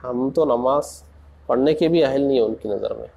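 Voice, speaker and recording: A man preaching in a slow, deliberate way, asking rhetorical questions and rising into passionate emphasis. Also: medium pitch, vocal fry, warm tone, lo-fi sound. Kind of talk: Urdu sermon.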